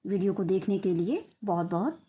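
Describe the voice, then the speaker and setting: A woman's voice: mid-range voice, big pitch swings, warm tone, breathy edge. A woman teacher giving a recorded reading lesson for young children, sounding out words syllable by syllable and answering her own questions. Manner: slow syllable-by-syllable spelling out words; asks questions and answers them herself. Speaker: primary school teacher.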